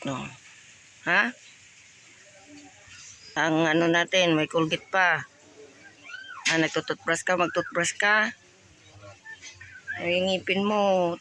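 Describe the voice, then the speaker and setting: A man's voice: sits high, sharp tone, slight background noise. A man hosting a casual vlog, teasing and fussing over someone and firing off questions. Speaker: vlogger host.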